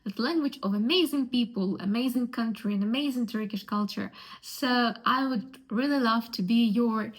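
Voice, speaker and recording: A woman teaching a language lesson, patiently sounding out letters and repeating each word. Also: a little high. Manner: patient, spells out sounds slowly and repeats words. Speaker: Turkish teacher.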